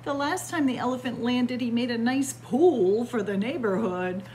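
A children's librarian in her sixties, close to a webcam in a library with bookshelves, reads a picture book at a moderate pace. Her fairly high voice has a darkish tone, and she chants the rhymes sing-song with playful asides, with slight background noise present.

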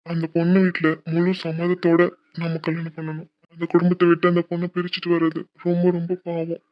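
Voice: medium pitch, completely flat delivery, a little fast, lo-fi sound, lightly acted. A voice actor playing an earnest middle-aged father in a cartoon, lecturing his son about marriage and studies.

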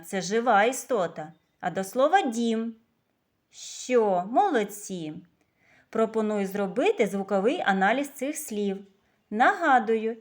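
A woman teaching a preschool lesson on letter sounds, speaking slowly and clearly to children. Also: mid-range voice. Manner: slow, clear, patient, addressing children. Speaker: kindergarten teacher.

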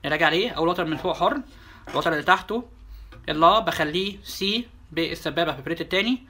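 A man's voice: a little high, expressive, racing, bright, forceful tone, slight background noise. A man with an Egyptian Arabic accent teaching a guitar lesson, naming notes one by one and repeating them step by step, with guitar notes heard behind.

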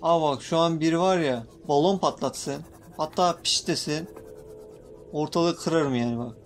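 A young man with a high-pitched voice talks through a game in a casual, jumpy way, nervous and quick to yelp. A faint hiss sits under his voice. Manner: jumpy, excitable, swearing playfully at in-game creatures. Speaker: gaming YouTuber. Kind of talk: casual Let's Play commentary.

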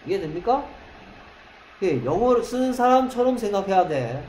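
A man teaching an English grammar lesson in a classroom, quizzing students with constant questions and reading English examples slowly, word by word. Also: sits high, big pitch swings, a little mellow. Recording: echoey classroom with faint noise.

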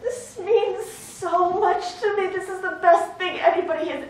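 A woman's voice: extremely high pitch, unhurried, distant mic, slight background noise. An actress playing an overeager, clingy young woman friend who gushes and talks over others, in a stage play. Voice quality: gushing, talks over others, nervous laughs. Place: theater stage. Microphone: far room mic. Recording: echoey stage recorded from afar.

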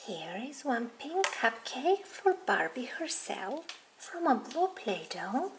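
A woman narrates a doll story in a soft, storytelling manner, her voice high and slow. The camera mic sits over a tabletop. Steady noise runs through the home recording. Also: rough recording. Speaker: toy video host. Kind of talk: toy play narration.

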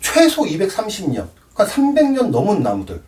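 A man's voice: high voice, wildly swooping pitch, fairly quick, a little mellow, recorded from a distance, slight background noise. A man giving a cello lesson, explaining with props and counting aloud. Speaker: cello teacher. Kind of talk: demonstration lesson.

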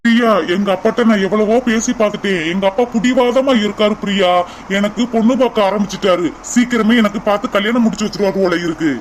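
In a cartoon, a voice actor plays an earnest young man coaxing his sweetheart, pleading and repeating her name again and again. The voice is medium-pitched and fast, lightly acted, and the audio is poor with slight background noise.

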